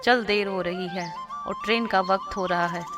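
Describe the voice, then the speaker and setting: Gentle older cartoon father-in-law voiced by a woman, patient and kind, over loud music. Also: mid-range voice, steady tone, normal speed, close to an everyday voice.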